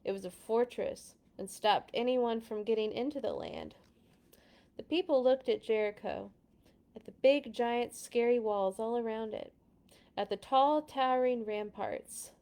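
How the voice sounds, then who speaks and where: An unhurried woman with a fairly high, somewhat mellow, expressive voice reads a children's story aloud. She dramatizes key words and adds chatty, informal comments along the way as the read-along host.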